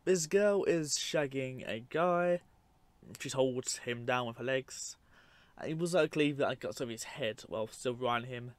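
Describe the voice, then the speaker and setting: A man's voice: medium pitch, moderate pace, no echo. Man rambling casually through clip commentary. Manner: rambling, matter-of-fact with dry asides. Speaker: narrator of a film clip compilation. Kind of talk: casual, unscripted commentary over clips.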